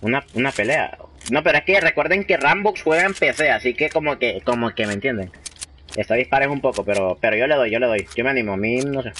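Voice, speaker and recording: A man's voice: mid-range voice, fast, sharp tone, a little hiss or hum. Young man casually streaming a game. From Honduras. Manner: chatty, reads chat aloud, slangy, mixes in English phrases. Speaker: livestreaming gamer. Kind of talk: casual live gameplay commentary.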